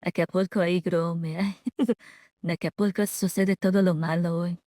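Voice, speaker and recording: A woman's voice: on the low side, fairly even intonation, normal speed, dark tone, dry recording, studio quality. A woman with a Latin American Spanish accent chatting casually with viewers on a live stream in a giggly, slangy, informal way. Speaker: VTuber streamer reacting to a video.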